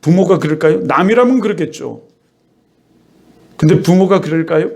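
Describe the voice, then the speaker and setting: A middle-aged male pastor delivers a sermon with a fairly high-pitched voice. He preaches in a lively way and slips into the voices of children and parents to make his points. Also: normal speed, vocal fry.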